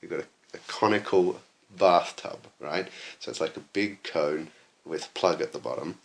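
A man's voice: low-pitched, moderate pace. A man putting on a drunk man's voice, rambling and repeating himself as he insists on a nonsense explanation. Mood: drunkenly insistent. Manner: slurred, repetitive, insistent.

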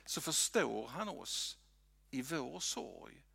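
A man preaching a sermon in a church, swinging from loud lines to hushed whispers. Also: medium pitch, very animated, creaky, husky, dry recording. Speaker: pastor.

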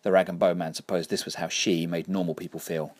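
A man narrating a story in a measured, wry way. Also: deep voice, flat delivery, darkish tone. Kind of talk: audiobook narration.

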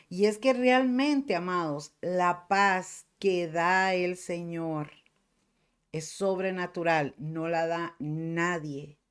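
A middle-aged woman pastor with a Costa Rican accent, preaching a fervent sermon to her congregation. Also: lowish voice. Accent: Costa Rican Spanish. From Costa Rica.

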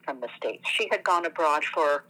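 A woman's voice: low voice, expressive, bright, forceful tone, slightly rough. Reflective middle-aged woman on a phone line. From born in Tunisia, raised in Algeria, France and the US. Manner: reflective, halting, with fillers and restarts. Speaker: guest. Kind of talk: conversational interview.

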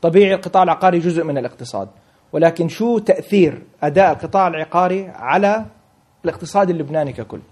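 Rapid male interviewer, Lebanese Levantine Arabic accent. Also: fairly high pitch, expressive, a little mellow, husky. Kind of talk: interview questioning.

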